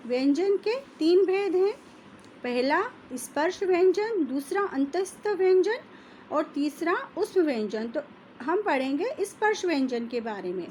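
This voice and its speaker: Woman teacher, high voice, deliberate pace, faint background noise. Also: animated, a little mellow. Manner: slow, careful, repeats sounds for pupils to copy. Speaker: Hindi teacher. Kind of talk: classroom lesson.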